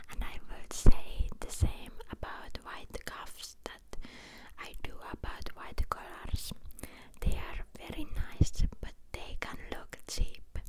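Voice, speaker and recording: A woman reads a book aloud as ASMR, whispering close to the listener's ear in a halting way and stumbling over words now and then. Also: low-quality recording. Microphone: close ear-to-ear ASMR microphone.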